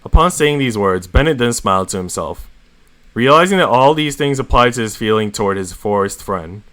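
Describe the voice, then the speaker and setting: A man's voice: medium pitch, expressive, brisk, a bit bright. A man reading a fan fiction story aloud as a narrator. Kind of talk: story reading with acted dialogue.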